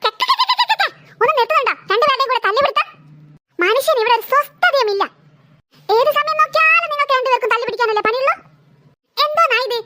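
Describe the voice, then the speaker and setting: A woman's voice: extremely high pitch, racing, bright, forceful tone, no room sound. A woman voicing an exasperated cartoon mother who nags and scolds her two quarreling daughters. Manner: scolding, fed-up, nagging. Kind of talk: cartoon voice acting.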